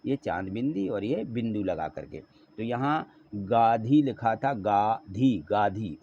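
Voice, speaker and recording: A male teacher talks through workbook exercises in a patient, steady way. He repeats each word slowly so students can follow. His voice sits at a middle pitch, and the recording sounds a little dull and lo-fi. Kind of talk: workbook lesson explanation.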